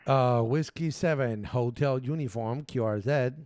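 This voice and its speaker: A man's voice: mid-range voice, measured pace, a little mellow, a little hiss or hum. A man working as an amateur radio operator, making a ham radio call and spelling call signs in the phonetic alphabet.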